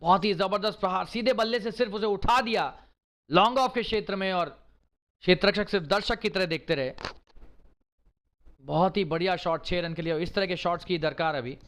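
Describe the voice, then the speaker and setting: Excited high-pitched male cricket commentator. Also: brisk. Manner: exclaiming in short, emphatic bursts of praise.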